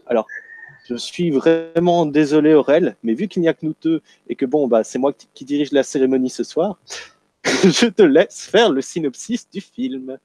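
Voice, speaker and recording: Belgian host, male, higher voice, joking manner, dry close sound. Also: darkish tone, no room sound, poor audio. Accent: Belgian French. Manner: playful, joking. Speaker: podcast host. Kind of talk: casual film review chat.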